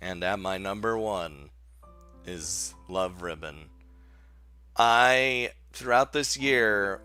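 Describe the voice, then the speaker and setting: A man with a fairly low, pushed, bright voice hosts a casual countdown video. He rambles informally and chuckles often, with background music playing behind him.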